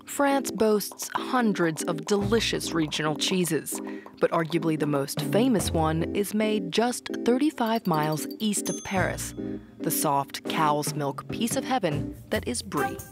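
A woman giving scripted documentary narration in a smooth storytelling delivery. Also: fairly low pitch, animated, measured pace, over loud music.

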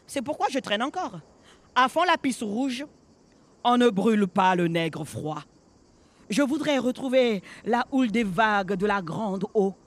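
A restless ghost in a radio drama, haunted and solemn, his voice sitting high for a man. He takes his time over every phrase, unhurried and incantatory, like a storyteller calling up the past. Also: expressive. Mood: pleading. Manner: slow, solemn, incantatory delivery.

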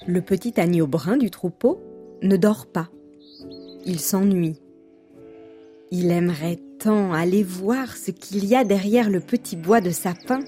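A woman reading a children's storybook aloud in a gentle, calm way. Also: fairly low pitch, a little slow, faint music behind. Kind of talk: scripted storybook narration.

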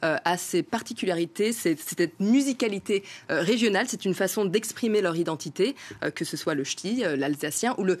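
Fast-talking woman co-hosting a news chat. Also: on the low side, expressive, breathy edge. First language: French-American background. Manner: brisk and chatty, agrees often. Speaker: news show co-host. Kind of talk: live broadcast chat.

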